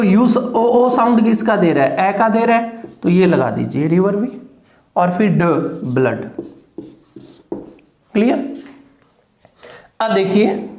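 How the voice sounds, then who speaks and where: A man teaching phonetics in a slow lecture. He repeats each sound and keeps asking whether it is clear. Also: high voice, a little mellow, echoey room. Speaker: English teacher.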